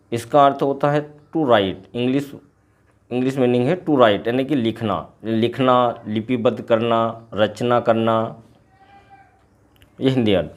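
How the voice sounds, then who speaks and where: Speaking at a middle pitch, a male English teacher explains the glossary of a poem one word at a time. Each word gets a slow repetition, followed by its English and Hindi meanings.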